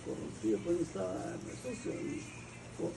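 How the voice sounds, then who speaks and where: A woman's voice: on the low side, wildly swooping pitch, normal speed, vocal fry. An older woman with a Guatemalan accent from Guatemala, telling family history in an oral history interview, rambling and searching for names. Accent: Guatemalan Spanish. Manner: rambling storyteller, restarts and hunts for names. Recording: distant mic, noisy with birds cooing.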